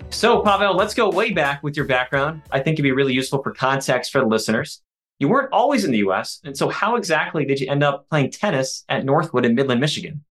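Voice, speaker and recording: A man's voice: fairly high pitch, lively intonation, fast talker, fairly bright tone, dry recording, faint music behind. A man hosting a podcast who opens the show with eager, upbeat energy and then asks interview questions. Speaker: podcast host.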